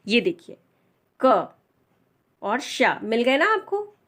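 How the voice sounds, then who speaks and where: Slow, patient woman teaching pronunciation. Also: a little high, sing-song, fairly bright tone. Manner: patient, repeats and stresses pronunciations. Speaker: Hindi language teacher. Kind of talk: slow explanatory lesson.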